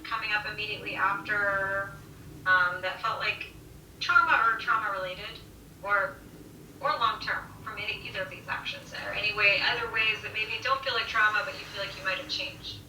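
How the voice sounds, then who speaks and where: Bright-voiced woman asking gentle questions. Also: medium pitch, fairly even intonation, normal speed, roomy sound, recorded from a distance, slight background noise, rough recording. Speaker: interviewer, psychotherapist.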